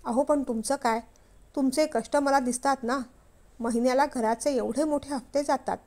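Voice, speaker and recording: A worried young wife who coaxes and argues her case, voiced by a woman narrator. The tone is pleading and persuasive, set high in pitch. It is told as a spoken story. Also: fairly even intonation, normal speed, a little mellow. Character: worried young wife, coaxing then defiant.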